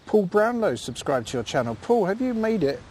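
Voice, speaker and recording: A man's voice: high-pitched, very animated, normal speed, a little mellow, slight background noise. Chatty man hosting outdoors. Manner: chatty, thankful, rambling with fillers. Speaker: livestream host. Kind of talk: casual live commentary. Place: outdoors in a field.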